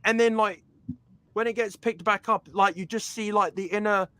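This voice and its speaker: An eager man hosting an interview, talking like a devoted fan and leaning on fillers. His voice is smooth and resonant, a little higher than most men's. The sound is dry and close. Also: fairly even intonation, normal speed, pushed and bright, no room sound. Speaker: host. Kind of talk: casual interview talk.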